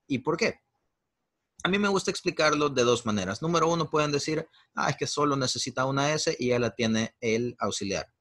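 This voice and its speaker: A man teaches English grammar in an encouraging, chatty way, switching between Spanish and English. Spanish is his first language. His pitch swings widely around a middle register as he drills example sentences. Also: a bit bright. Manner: chatty, encouraging YouTube host. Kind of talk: lesson.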